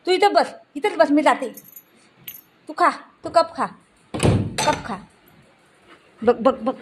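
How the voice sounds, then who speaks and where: A woman's voice: high voice, lively intonation, slow pace. A woman at home talking to her pet dog, coaxing and scolding it with short, repeated commands, recorded on a phone. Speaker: pet owner. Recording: noisy home video with dog barking.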